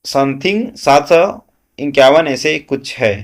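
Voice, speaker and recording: A man's voice: a little high, slow. A man teaching a current affairs lesson for exam students, asking questions and answering them himself, with frequent "है ना" checks.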